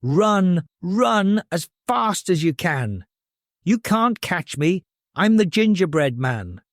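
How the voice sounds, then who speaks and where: A man's voice: high-pitched, expressive, a little slow, no echo, studio quality, pitched above the performer's own voice. A man voicing a small, cheeky, boastful gingerbread man in a children's fairy tale, with a taunting sing-song delivery. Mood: cheeky boasting.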